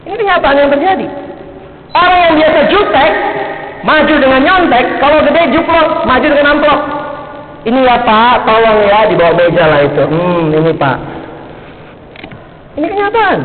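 A middle-aged man preaching a sermon to students, swinging between emphatic high peaks and low, quiet asides. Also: slight background noise. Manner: rises to emphatic peaks and drops low, acts out street characters. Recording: echoey hall, phone-like band.

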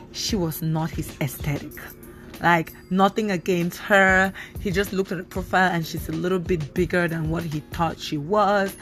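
A woman in her thirties hosting her own podcast, talking casually and animatedly with plenty of fillers. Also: medium pitch. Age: 30s. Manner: chatty, animated, with many fillers. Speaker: podcast host. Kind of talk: casual solo podcast talk.

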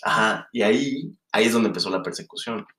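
A man's voice: fairly low pitch, fairly bright tone, echoey room, far from the mic. A young man with a Mexican Spanish accent, co-hosting a podcast with slangy, laughing chat. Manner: laughing, slangy, quick reactions. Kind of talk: casual storytelling chat.

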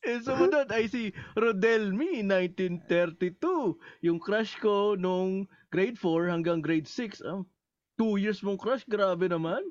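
A man co-hosting a casual podcast, animated, laughing often and swearing casually among friends. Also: high voice, slow pace, dry recording, muffled recording. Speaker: podcast co-host. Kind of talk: casual chat.

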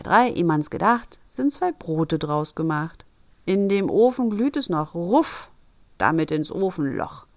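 A woman reads a rhyming storybook tale aloud, slow and deliberate, leaning into each line with theatrical emphasis. Her voice sits a little low and is recorded close and dry, with no room sound. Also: creaky, no echo. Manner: lively, animated reading with dramatic emphasis. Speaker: narrator. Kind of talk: storybook reading of rhyming verse.

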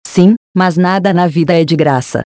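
A storyteller voicing a short old man, a key-shop owner, who speaks calmly and with quiet knowing. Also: sits high, moderate pace, no echo, studio quality, lightly acted. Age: older. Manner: calm, gently knowing.

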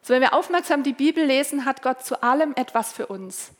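A woman pastor with a high voice preaches a chatty sermon, turning to her listeners with direct questions. She also voices the prayers they might say. Her voice rings out with a long reverb from a church hall. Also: a little fast.

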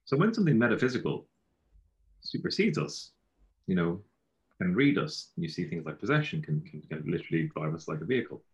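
Low-voiced man with a west of Ireland accent. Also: very animated, brisk, lo-fi sound. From Galway, Ireland. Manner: repeats himself, peppers talk with "you know". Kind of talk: casual philosophical discussion.

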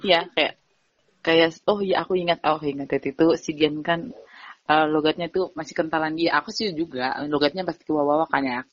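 A young woman appears as a podcast guest, chatting casually, telling stories with animation and giggling often. Her voice is low and fairly quick, with dull audio and no room sound.

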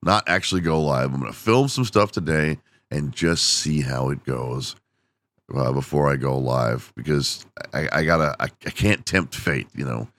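Very deep and a bit bright, this solo podcaster's voice comes through with no echo as he talks at a moderate pace. He laughs often, rambles, jokes at his own expense, and sounds hoarse from overusing his voice.

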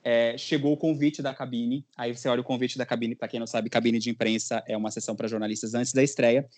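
A young man from Brazil, a podcast host telling a story in casual chat, animated and acting out quotes. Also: mid-range voice, fast.

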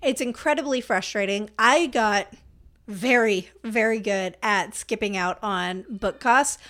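A woman's voice: mid-range voice, a little slow, bright, forceful tone. A young woman co-hosting a podcast, chatting casually and telling stories that break into big laughs. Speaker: podcast co-host. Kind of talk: casual chat.

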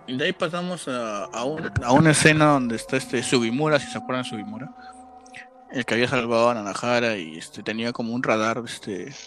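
A man's voice: mid-range voice, a bit bright. Guy on a podcast recapping a movie scene by scene, light music behind. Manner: retells a plot step by step, storyteller-like. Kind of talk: casual film recap.

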